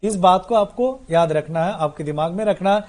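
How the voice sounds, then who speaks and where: A man with a Bihari accent teaches an exam-prep grammar lesson. His voice sits a little high but has a warm, dark tone. He explains by posing questions and answering them himself. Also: normal speed. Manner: explains through repeated rhetorical questions.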